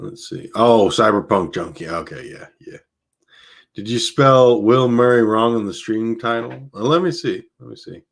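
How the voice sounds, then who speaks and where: Slow-talking low-voiced man. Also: creaky. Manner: relaxed and chatty, with laughs and fillers between readings. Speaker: audiobook reader streaming live. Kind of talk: reading a novel aloud, then chatting with viewers.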